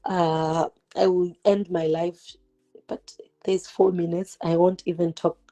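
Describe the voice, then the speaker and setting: A young Zimbabwean woman, not a native English speaker, hosts a casual livestream from her home kitchen, cooking as she talks. Her lowish, mellow voice stays level and slow, with faint music behind her and fireworks outside. She's chatty and direct, asking rhetorical questions and using plenty of "like."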